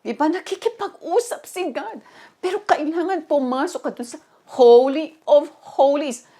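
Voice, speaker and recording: Delivering a sermon built around her personal testimony, a woman pastor talks animatedly and conversationally, using lots of fillers. Her voice is high and her speed normal.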